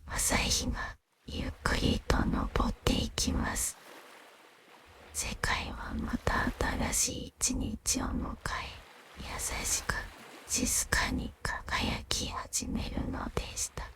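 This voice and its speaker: A woman narrating gentle fantasy stories in a soft, unvoiced ASMR whisper, soothing and unhurried. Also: a bass voice, completely flat delivery, vocal fry.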